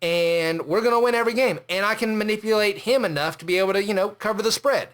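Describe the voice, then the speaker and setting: A man's voice: high-pitched, quick pace, fairly bright tone, clean tone. A man hosting a comedy podcast, rambling and boastful about himself. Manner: boastful, rambling and self-important. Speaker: podcast host. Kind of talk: comedic character monologue.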